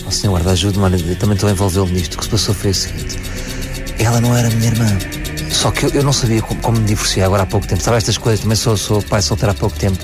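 A man's voice: on the low side, very fast, music in the background. A man with a European Portuguese accent on a radio show, improvising a rambling, apologetic plea to a policeman. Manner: rambling, apologetic, talks over others. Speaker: radio show regular playing a game. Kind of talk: improvised comic pleading.

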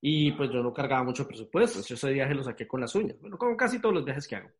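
A man telling things casually and informally as a podcast guest, with an animated storytelling manner. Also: mid-range voice, fast.

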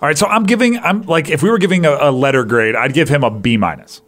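A man's voice: on the high side, fast talker, fairly bright tone. A man hosting a podcast talks through a film in a loose, casual way. He rambles, restarts his sentences and leans on fillers as he goes. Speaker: podcast host. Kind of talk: casual movie review chat.

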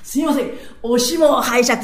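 Female comic storyteller, high bright voice, echoey room. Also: moderate pace.

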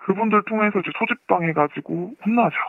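Anonymous woman caller, voice pitch-shifted deep, dry phone sound, halting and courteous. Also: husky, no echo. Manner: polite, hesitant, many fillers. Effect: voice pitch-shifted deeper to disguise identity. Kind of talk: phone interview on a news program. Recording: tinny phone line.

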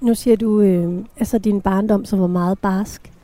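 A woman interviewing a guest, asking gentle, probing questions. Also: medium pitch, fairly even intonation.

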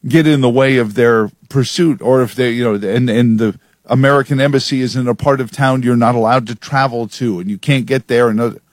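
A man's voice: mid-range voice, fairly even intonation, a little fast, no room sound. A man hosting a talk radio show, delivering an opinionated, sardonic monologue from a studio.

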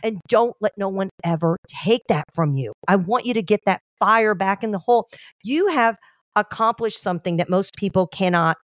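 A woman's voice: medium pitch, lively intonation, moderate pace, no echo, studio quality. A middle-aged woman hosting a call-in psychic show, giving blunt, affectionate readings and calling callers honey and girl. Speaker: psychic reader and show host.

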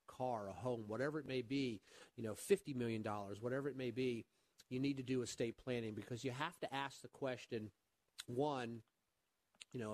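A man's voice: mid-range voice, no room sound. A man hosting a call-in radio show and giving financial advice, earnest, often repeating words as he starts a sentence.

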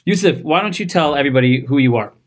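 A man's voice: on the high side, lively intonation, fast. A man from Canada hosting a podcast interview in an office, upbeat and joking, laughing often. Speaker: podcast host. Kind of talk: casual interview chat.

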